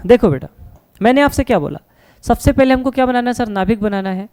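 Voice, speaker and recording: Smooth-voiced man teaching with quiz-and-answer patter. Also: extremely high pitch, expressive, fast talker, darkish tone. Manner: asks questions and answers them himself, calls listeners "beta" and "sir"; reassuring, repeats "no problem". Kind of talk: classroom science lesson at a board.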